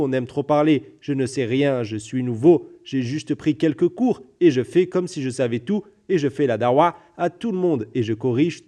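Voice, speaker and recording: A man's voice: on the high side, dark tone. A man telling a personal story in an interview, acting out the people he quotes. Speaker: interview guest.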